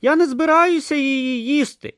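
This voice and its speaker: A man's voice: moderate pace, a bit bright, dry recording, clean studio sound. A man doing a flustered naive young novice. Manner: anxious, flustered, high and breathless. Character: naive timid young male novice monk. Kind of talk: audiobook character voice.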